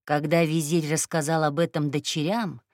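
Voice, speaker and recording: A woman reading a first-person story aloud in a calm, even narration. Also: low voice, moderate pace, dry recording, clean studio sound. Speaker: audiobook narrator.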